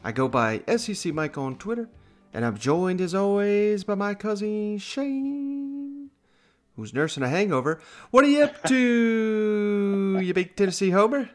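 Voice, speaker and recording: Higher-voiced man hosting a sports podcast. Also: very animated, unhurried, soft background music. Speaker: podcast host. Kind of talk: casual sports talk.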